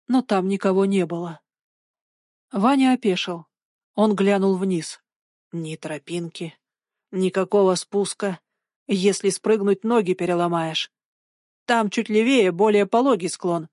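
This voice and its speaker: A woman narrating an audiobook of a spooky children's story in a measured, suspenseful way. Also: medium pitch, darkish tone, no echo, clean studio sound.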